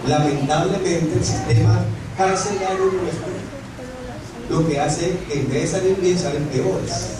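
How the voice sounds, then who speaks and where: A man's voice: fairly high pitch, a little slow, over a noisy crowd. A male pastor preaching a sermon. He reads scripture aloud and asks the congregation rhetorical questions that he answers himself. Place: church sanctuary. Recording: very echoey hall, distant mic.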